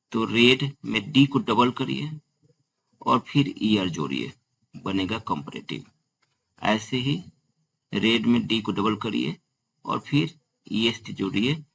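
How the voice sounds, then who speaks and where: Gravelly low-voiced man teaching grammar. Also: animated, takes it slowly, long pauses, a bit bright, low-quality recording. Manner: explains step by step, asks and answers his own questions. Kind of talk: classroom grammar lesson.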